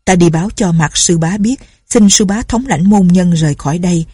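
A woman voicing the inner thoughts of an anxious, loyal young male swordsman in a martial arts audiobook, read low and steady. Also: fairly quick, slightly rough, no room sound, studio quality. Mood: worried.

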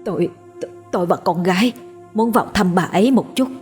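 A woman's voice: mid-range voice, fast, darkish tone, soft background music, lightly acted. Woman as a desperate old father. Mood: pleading. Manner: pleading, stammering. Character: aging balding father, desperate and guilt-ridden.

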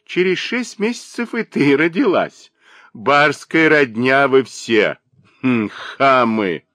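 A man voicing a spiteful, gossiping old spinster woman with a shrill, mocking manner in an audiobook. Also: lively intonation, slow pace, a bit bright, no room sound, studio quality.

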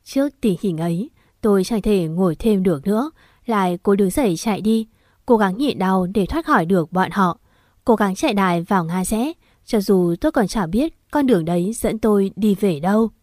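A woman narrating a scripted first-person horror story in a steady, emotional storytelling manner. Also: mid-range voice, normal speed, no echo, clean studio sound.

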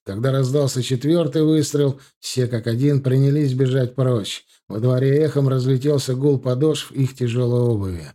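A man narrating an audiobook in an even, steady way. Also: mid-range voice, moderate pace, hardly any pauses.

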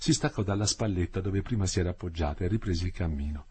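A man reading a novel aloud in a measured, expressive storytelling manner. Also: low voice, husky. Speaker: audiobook narrator. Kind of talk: literary audiobook reading.

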